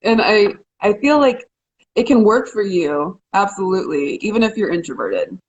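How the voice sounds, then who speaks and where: A woman's voice: medium pitch, sing-song, normal speed, highs cut off. Chatty woman who laughs a lot. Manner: chatty, laughs often, many restarts. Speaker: co-host. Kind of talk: casual live chat.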